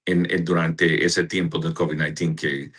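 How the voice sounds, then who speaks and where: Low husky-voiced pastor. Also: male voice, level tone, a bit bright. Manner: slow, earnest, searching for words. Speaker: pastor and church director. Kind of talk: interview answers.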